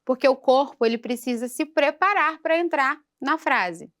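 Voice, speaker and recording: A woman's voice: high voice, normal speed, a bit bright. A woman singing teacher giving a patient vocal lesson for a church program and breaking into short sung demonstrations.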